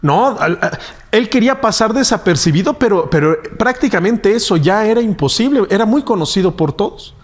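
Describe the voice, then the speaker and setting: A man's voice: sits high, expressive, fairly quick. A man with a Mexican accent preaching a sermon in a conversational storytelling way, often asking rhetorical questions.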